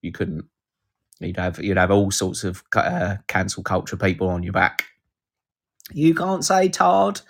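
A man's voice: low-pitched, completely flat delivery, moderate pace, fairly bright tone. A man hosting a live podcast, chatting casually and jokily, reading out comments from listeners. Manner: rambling, jokey, reads out chat comments. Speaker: podcast host.

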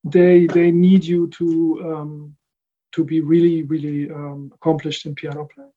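Dutch-raised man with a mellow, dull-sounding voice. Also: fairly high pitch, flat delivery, a little slow. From Netherlands. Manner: thoughtful, many fillers and restarts. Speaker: recording engineer guest. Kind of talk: casual interview answers.

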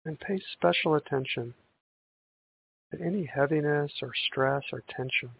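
A man guiding a breathing meditation in a calm, gentle, meditative tone, on a thin band-limited recording. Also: on the high side, normal speed, gravelly, slightly rough. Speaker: meditation guide. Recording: tinny band-limited audio with hiss.

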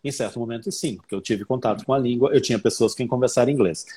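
A man with a slightly husky, breathy voice talks in a relaxed interview. He tells animated stories and acts out the things he used to think. His pitch sits in a middle range. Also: very fast. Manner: animated storyteller, acts out his own past thoughts. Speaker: English teacher, interview guest. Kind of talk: casual interview chat.

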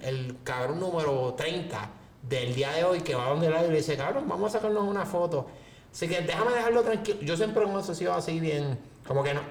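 A man's voice: on the high side, roomy sound. A young Puerto Rican man, a podcast co-host, telling stories in casual chat and acting out what people said. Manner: animated storyteller, acts out quoted voices.

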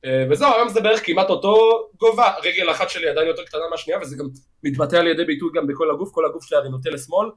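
A young man in casual podcast chat, swearing often and telling a personal story with animated energy. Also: on the high side, hardly any pauses. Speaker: podcast guest streamer.

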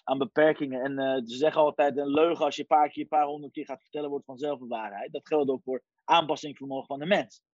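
A man in his forties from Iran, a guest telling his life story in a lively casual way, sprinkling in English phrases. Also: a little high, fast talker, hardly any pauses, dry recording. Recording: dry, dull lo-fi sound.

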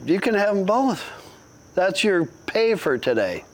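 A man's voice: sits high, very animated, a little slow. A man hosting a casual podcast interview. He laughs easily and teases his guest. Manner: laughs easily, teasing and friendly. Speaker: podcast host.

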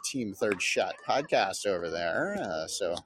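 Low-voiced man hushing courtside play-by-play. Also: lively intonation, measured pace. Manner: hushed, golf-announcer-style near-whisper, with a filler-heavy delivery. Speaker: podcast host. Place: outdoor pickleball court, windy. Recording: wind and outdoor noise.

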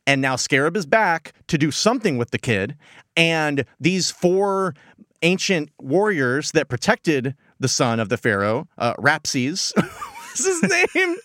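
Animated, higher-pitched American man chatting. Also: a little slow, no room sound, clean studio sound. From United States. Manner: incredulous, ranting, rambling. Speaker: podcast co-host. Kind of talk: casual comedic recap chat.

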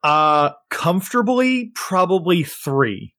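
A man narrating a tabletop game as game master, improvising haltingly as he searches for words. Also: high voice, very animated, bright, forceful tone, dry recording.

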